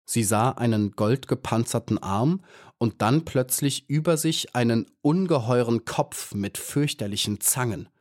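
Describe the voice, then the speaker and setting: A man narrating a children's audiobook in a measured, even storytelling manner. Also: medium pitch. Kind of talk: scripted narration.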